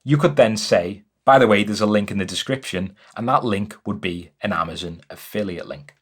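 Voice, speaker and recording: A man's voice: fairly low pitch, moderate pace. A young man giving an upbeat, chatty explainer to camera from his home music studio. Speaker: music business educator. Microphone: camera-mounted mic.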